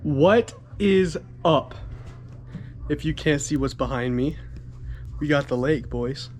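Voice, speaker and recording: A man's voice: medium pitch, fairly even intonation, moderate pace, a little mellow, slight background noise. Hyped young man vlogging at a lake. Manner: hyped, upbeat, slangy. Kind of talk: casual vlog to camera. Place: outdoors on a houseboat by a lake.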